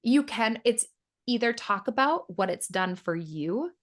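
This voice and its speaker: A woman's voice: on the high side, expressive, unhurried. Chatty yoga teacher in her thirties. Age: 30s. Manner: chatty, acts out quoted voices, laughs often. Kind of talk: casual interview chat.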